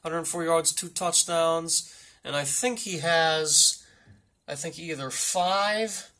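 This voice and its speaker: A man playing a blunt football coach at a mock press conference, rambling and repeating himself in halting answers. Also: a little high, pushed and bright.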